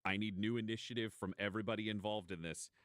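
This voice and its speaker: A man narrating as game master of a tabletop role-playing game, setting scenes slowly and chatting casually with players. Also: fairly low pitch, steady tone, a bit bright. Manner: slow, deliberate scene narration with casual asides.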